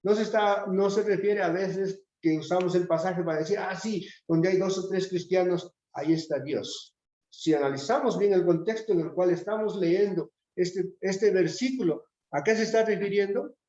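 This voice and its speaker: A man with a Peruvian Spanish accent teaches a church Bible study in a fairly high voice. He reads scripture slowly and keeps checking in with a quick question to the group. The sound is roomy and somewhat dull, as in a church hall. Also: dark tone. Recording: echoey, dull church recording.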